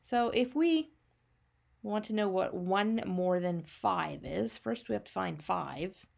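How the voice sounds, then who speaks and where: Slow-paced woman teaching a child to count. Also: mid-range voice, expressive, creaky, darkish tone. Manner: patient, simple step-by-step, teaching a child to count; question-and-answer phrasing. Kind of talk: maths lesson narration for young children.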